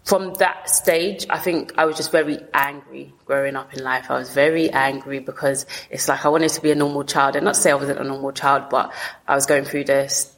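A woman's voice: rumbling low, steady tone, fairly quick, poor audio. A woman with a south London accent telling her own story candidly in an interview, in colloquial, often rephrased bursts. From south London, England. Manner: colloquial, talks in short bursts with frequent rephrasing. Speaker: interview guest.

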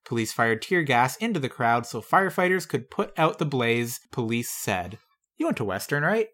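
A man's voice: medium pitch, very animated, normal speed, fairly bright tone. A man co-hosting a casual podcast, reading old news items aloud and adding dry, wry comments. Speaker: podcast co-host.

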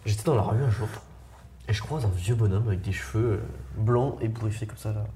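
A young man telling a story in relaxed, slangy talk. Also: lowish voice, brisk, slight background noise. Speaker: player. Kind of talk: casual storytelling.

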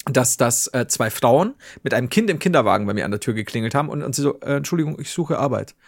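A man hosting a podcast, telling a story in casual chat and acting out the quoted dialogue with big leaps in pitch, swearing casually. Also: expressive, fast talker, vocal fry. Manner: swears casually, rambling restarts. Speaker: podcast host.

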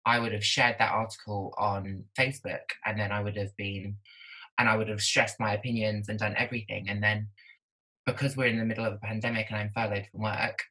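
Bright-voiced woman chatting candidly. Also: very deep voice, level tone, a little fast, low-quality recording. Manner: candid, chatty, lots of "like" fillers. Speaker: podcast guest. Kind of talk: casual conversation. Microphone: video call.

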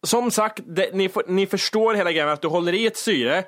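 Rambling, slightly high man. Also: fairly bright tone, no echo, studio quality. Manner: rambling, self-mocking, restarts sentences. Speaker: podcast co-host. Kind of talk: casual storytelling.

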